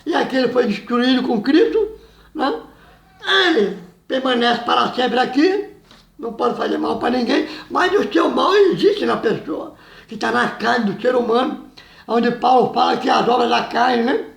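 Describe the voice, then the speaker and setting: Man, informal sermon, loud and emphatic, high-pitched voice, echoey room. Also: expressive, measured pace, gravelly. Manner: loud and emphatic, says he always talks loud; laughs between phrases, says "meu irmão" often. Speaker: evangelical preacher.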